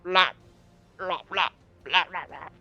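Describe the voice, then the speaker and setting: A man's voice: sits high, slow pace, creaky, sharp tone, no echo, highs cut off, full character voice. A man voicing a small squishy fish-like creature that burbles one repeated nonsense syllable in a tabletop game. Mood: babbling.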